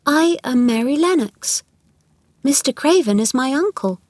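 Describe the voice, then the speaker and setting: A woman's voice: high-pitched, animated, a little slow, a little mellow, no echo, voice pushed up. A woman voicing a bold, curious young girl in a children's storybook, forthright and inquisitive. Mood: surprised.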